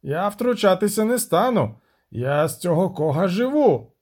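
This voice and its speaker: A man's voice: high-pitched, big pitch swings, normal speed, a little mellow, voice pushed up. A man voicing a coarse ship captain who talks back in a brash, mocking way. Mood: defiant.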